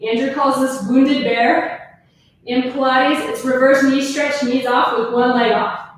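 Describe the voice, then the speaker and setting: Brief: higher-voiced woman pilates teacher, slightly winded, very echoey room with faint hiss. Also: steady tone, a little slow. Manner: counts reps and cues breathing while demonstrating. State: out of breath. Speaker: pilates instructor. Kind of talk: live online workout class. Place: pilates studio.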